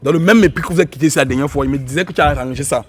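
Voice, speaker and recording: A man's voice: fairly high pitch, rapid-fire, soft background music. A man, hosting a street prank and lecturing in an argumentative way. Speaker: prank show host.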